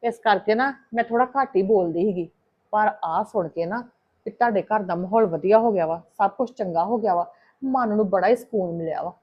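A woman's voice: mid-range voice, brisk, slightly rough, dull audio. A woman playing a visiting sister in a scripted family drama, talking in an earnest, advising way.

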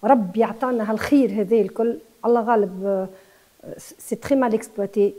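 A woman's voice: fairly high pitch, fast talker, mellow. A Tunisian woman in her sixties who runs a guesthouse, speaking with passion as a TV interview guest and mixing in French words. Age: 60s. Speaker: guesthouse owner.

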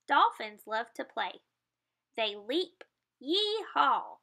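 A woman reads a children's picture book aloud, explaining each page and throwing in playful sound effects. Her voice is bright and sits a little high. She keeps it plain and friendly for young listeners. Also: lively intonation, normal speed.

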